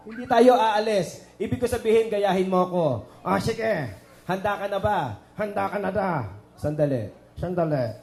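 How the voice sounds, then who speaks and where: Guy magician hosting a kids party, high mellow voice, booming echoey mic with music behind. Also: moderate pace, creaky. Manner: joking, teasing, coaxes kids and guests. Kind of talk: lively party hosting with crowd banter. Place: indoor party venue with PA speakers. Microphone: handheld microphone through PA.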